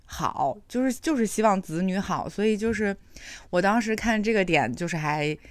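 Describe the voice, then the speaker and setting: A woman's voice: mid-range voice, lively intonation, normal speed, no echo. A woman co-hosting a podcast, talking in a chatty, reflective way with many fillers. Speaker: podcast co-host. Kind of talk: casual chat.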